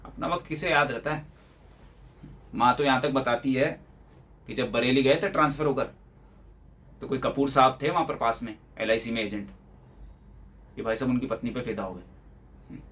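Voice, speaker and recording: A man's voice: mid-range voice, normal speed, long pauses, a bit bright, natural voice. A man acting a young office-worker son in a theatrical monologue, complaining with sarcastic rhetorical questions. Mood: exasperated. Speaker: actor performing a monologue.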